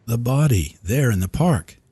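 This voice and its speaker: A man's voice: mid-range voice, very animated, a little slow, warm tone, slightly rough, dry recording, voice pushed up, exaggerated voice. A man voicing an alarmed small-town man who speaks in an agitated, pleading way, in an audiobook. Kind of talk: audiobook character voice.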